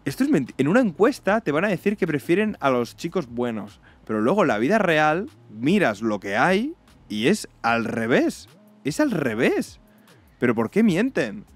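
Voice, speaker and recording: A man's voice: big pitch swings, normal speed. A young man from Spain with a Spanish accent, reacting to a video in casual, blunt commentary full of slang and swearing. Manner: blunt, slangy and swearing, mocking others in shrill put-on voices. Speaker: reaction streamer.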